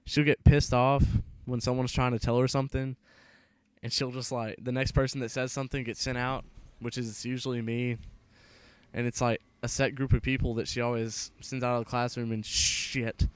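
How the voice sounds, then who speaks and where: A man's voice: mid-range voice, flat delivery, moderate pace, smooth, dry recording. A young man in his late teens telling a rambling, profane school story while playing a game. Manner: casual, profane, rambling with restarts. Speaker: gaming vlogger. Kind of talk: rambling storytelling over gameplay.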